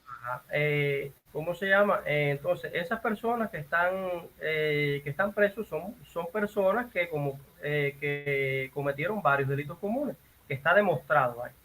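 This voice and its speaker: A man's voice: on the high side, normal speed, fairly bright tone, a little hiss or hum. A Cuban man with a Cuban Spanish accent calling in to a live stream, arguing hesitantly with many fillers and rambling. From Cuba. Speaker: caller. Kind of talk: live stream call-in argument.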